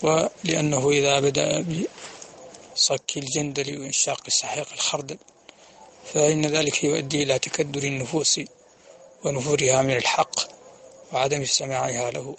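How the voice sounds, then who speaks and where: A man giving a religious lecture, explaining steadily and chanting quoted verses slowly. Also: mid-range voice, little pitch movement, vocal fry, a bit bright, a little hiss or hum. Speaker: preacher.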